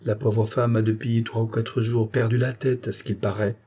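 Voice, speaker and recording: A man's voice: lowish voice, level tone, normal speed, warm tone, husky. A man voicing a miserly, pious old spinster aunt who protests in a plaintive, whining way.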